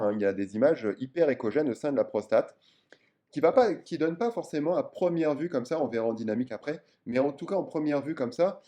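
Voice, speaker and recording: A man explains ultrasound to other doctors in a loose, chatty lesson, full of hesitations and eager asides. His voice is mellow and dark, and his pitch sits in an ordinary middle range. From France. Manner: chatty, enthusiastic, many fillers. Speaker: general practitioner teaching ultrasound. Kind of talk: casual video lesson.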